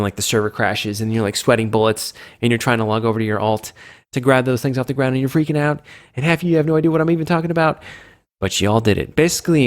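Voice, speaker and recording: A man with a cold hosting a casual gaming chat, rambling and poking fun at himself as he loses his train of thought. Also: mid-range voice. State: sick with a cold. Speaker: gaming show host.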